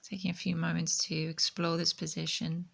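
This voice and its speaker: This meditation teacher has a lowish voice and a moderate pace. Gentle and calming, she speaks softly, and her phrases tend to drift into breathy near-whispers.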